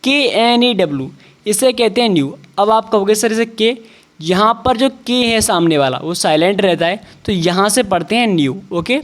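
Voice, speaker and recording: A man's voice: high voice, expressive, normal speed. A man teaching English reading. He spells each word out letter by letter, then says it. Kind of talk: slow spelling-out English lesson.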